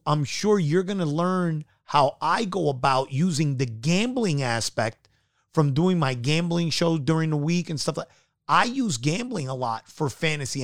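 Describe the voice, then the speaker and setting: A man's voice: a little high, no room sound, studio quality. A man hosting his own sports talk show, introducing it with energy and repeating words for emphasis. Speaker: podcast host.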